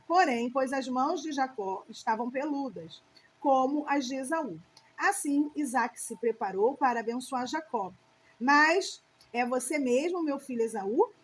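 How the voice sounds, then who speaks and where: High-voiced woman reading scripture. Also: slight background noise, low-quality recording. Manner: steady reading with self-corrections. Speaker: Bible study reader.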